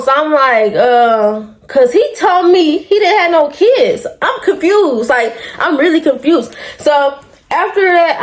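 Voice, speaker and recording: With a fairly high voice and a little hiss or hum on the recording, a mom vlogger animatedly recounts something from her own life to viewers. It's casual storytime: she swears freely and keeps calling them y'all.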